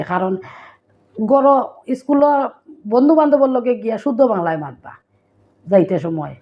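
A woman from Sylhet with a Sylheti accent, talking casually to her vlog viewers and often asking them questions. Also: mid-range voice. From Sylhet, Bangladesh. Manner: chatty, asks the viewer questions. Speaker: vlogger. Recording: slightly dull lo-fi sound.

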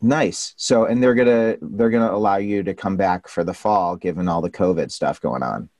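A man's voice: deep voice, moderate pace, darkish tone, no echo. A middle-aged man hosting a video-call interview, enthusiastic and upbeat as he greets and questions his guests. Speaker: host. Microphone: studio mic on arm.

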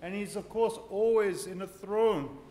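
A man in his thirties, a priest, giving an earnest sermon in a large church, unhurried, building to joyful emphasis. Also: sits high, dark tone. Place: large ornate church with congregation. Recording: echoey church hall, reverb, faint ambience.

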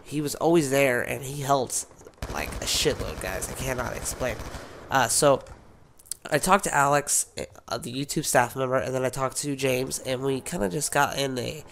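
A man with a sick, worn voice talks casually to his viewers, wandering between points and restarting his sentences. His pitch sits in the middle range, and a faint noise hums under the recording. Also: normal speed, vocal fry, a bit bright. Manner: rambling, with many fillers and restarts. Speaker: gaming YouTuber. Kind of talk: rambling casual vlog talk.

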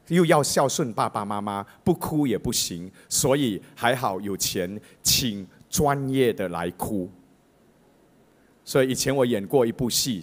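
A man with a Malaysian accent, a pastor preaching a sermon as an animated storyteller who mimics voices. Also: mid-range voice.

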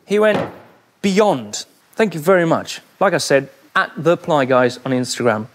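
A man's voice: fairly high pitch, sing-song, a little slow, dry recording. A man vlogging casually as he builds out a van, chatty and self-mocking, tired from the work. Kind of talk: casual vlog while building. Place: inside a van under construction. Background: music.

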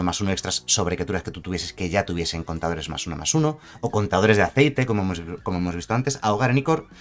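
A man from reviewing game cards in a chatty, self-correcting way, often asking "¿vale?" to his viewers. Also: low-pitched. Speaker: card game content creator. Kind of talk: casual card review commentary.

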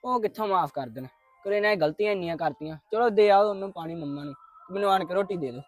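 A woman playing a fast-talking defiant boy. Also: medium pitch, faint music behind, close to an everyday voice. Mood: resentful. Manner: quick, insistent, arguing. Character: young boy, defiant grandson. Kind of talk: family drama acting.

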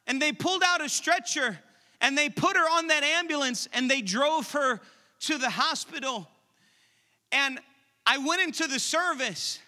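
Male preacher, high and very bright voice, builds to fervent intensity; church sanctuary reverb. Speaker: pastor. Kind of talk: sermon. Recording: long hall reverb from church.

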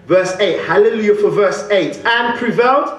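A young man with a West Midlands English accent preaches a sermon as a guest, his high voice at normal speed. He animatedly calls questions out to the congregation and gestures broadly at the pulpit. The large church hall's echo is noticeable, since the audio comes from a pulpit stand mic and a far camera.

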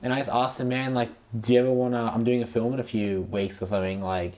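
Speaking fast and flat in a medium-pitched, slightly mellow voice, this young podcast host rambles with constant fillers like "like" and "you know." He's a filmmaker in his twenties, recorded up close on a boom-arm podcast mic in a studio.

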